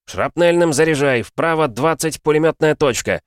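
A man's voice: medium pitch, expressive, a little fast, no echo, clean studio sound, voice pushed up, lightly acted. A man voicing a blunt male tank commander who barks orders in battle. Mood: commanding. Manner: barked orders, blunt and cold.

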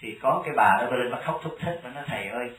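A man's voice: medium pitch, animated, fast, crowd noise. A man, a Buddhist monk giving a sermon, telling stories and often asking his listeners questions. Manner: storytelling, often asks the audience questions. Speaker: Buddhist monk teaching a congregation. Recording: echoey hall, distant mic.

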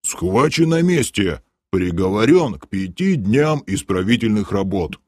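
A burly city guard , played by a man reading an audiobook, barking orders and grumbling with suspicion. His voice sits a little raised and lively. The sound is dry and close. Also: fairly low pitch, unhurried, no echo. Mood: stern. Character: stern gruff male city guard. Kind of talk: audiobook character voice.

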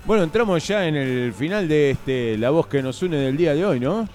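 A man's voice: fairly high pitch, animated, moderate pace, a little mellow, soft background music. A man with an Argentine accent co-hosting a school community radio show, chatty and reading out listener messages. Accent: Argentine Spanish.

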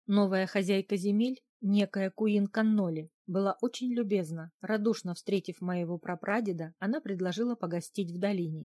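A woman's voice: mid-range voice, dark tone, natural voice. A woman reading as a courteous storytelling husband. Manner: measured, relating family history. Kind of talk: audiobook reading.

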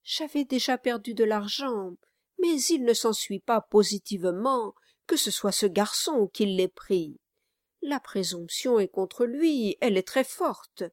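A woman's voice: mid-range voice, animated, a little slow, no echo, studio quality, lightly acted. A woman reading an audiobook aloud, voicing a scheming, sly male lawyer with an unctuous, sneering manner. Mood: mock sorrow. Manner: unctuous, mock-sorrowful, sneering.

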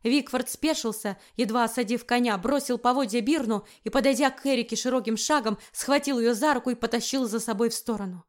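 A woman reading a fantasy novel aloud in a steady, expressive narration. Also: on the high side, brisk, few pauses. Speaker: audiobook narrator.

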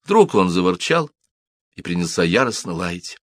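Low-voiced man narrating dramatically. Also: moderate pace, no echo, studio quality. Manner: dramatic, animated reading. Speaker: audiobook narrator. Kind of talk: expressive audiobook narration.

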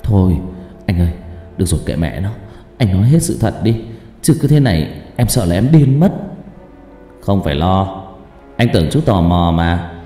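A man voicing a bitter, vengeful older guard in a horror story, speaking low and grave. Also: very animated, moderate pace, long pauses, warm tone. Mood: grim. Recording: echoey hall, long reverb, faint music.

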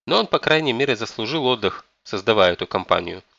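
A man's voice: fairly low pitch, expressive, fast talker, gravelly, sharp tone, dry recording, highs cut off, exaggerated voice. A man voicing a stern, domineering elderly grandmother who scolds and commands. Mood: scolding.

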